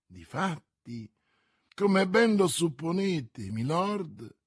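A man reading aloud and voicing a grave musketeer who speaks coldly and calmly, with a husky voice. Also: a little high, dry recording, clean studio sound, exaggerated voice. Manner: cold, measured, calm.

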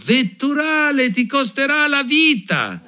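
A man voicing a cruel, mocking male sparrow in a storybook reading, high and taunting. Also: big pitch swings, slow, sharp tone, soft background music, full character voice. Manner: shrill, taunting.

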